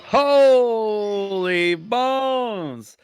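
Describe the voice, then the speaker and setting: Quick gag: a male commentator does a high-pitched, comically alarmed alien. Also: animated, smooth, soft background music, exaggerated voice.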